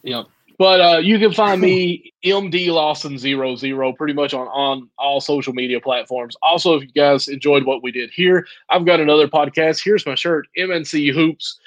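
A man's voice: on the high side, moderate pace, no room sound, lo-fi sound. Joking man hosting a podcast. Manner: upbeat, joking plugs for the show. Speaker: podcast co-host. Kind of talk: casual podcast chat.

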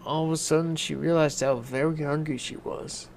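A man reading a children's fairy tale aloud in a gentle, deliberate manner. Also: on the high side, fairly even intonation, vocal fry, a little hiss or hum. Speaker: storyteller.

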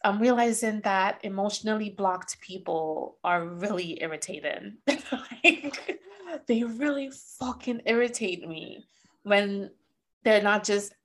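A woman's voice: mid-range voice, measured pace. A woman hosting a podcast, talking casually and candidly, swearing freely and laughing often. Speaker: podcast host.

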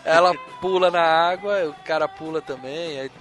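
A man's voice: fairly high pitch, normal speed, fairly bright tone, faint music behind. A Brazilian man in casual chat, retelling a film scene by scene, acting out the quotes and swearing freely.

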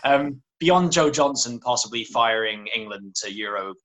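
A man's voice: mid-range voice, expressive, normal speed, fairly bright tone, low-quality recording. A man co-hosting a casual football podcast who asks joking, teasing questions.

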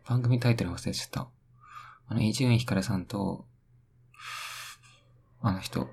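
A man's voice: low voice, gravelly, a little mellow, husky. A young man hosting a solo radio talk, rambling, talking to himself and playing with words. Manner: rambling, talks to himself, plays with words in sing-song repeats. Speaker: podcast host.

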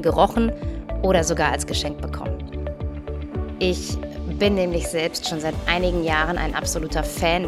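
A young woman who is a yoga teacher and coach hosts her own solo podcast, speaking calmly and warmly directly to the listener in a fairly low-pitched voice. Her nose is still a bit stuffy from a cold.

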